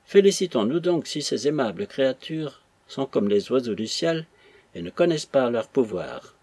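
A man reading a classic novel aloud in an expressive way. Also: medium pitch, moderate pace, husky, dry recording. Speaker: audiobook narrator. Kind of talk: scripted narration of a classic novel.

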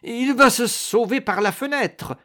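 A man voicing a fierce, violent monk who shouts in strained high cries. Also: unhurried, full character voice. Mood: shouting.

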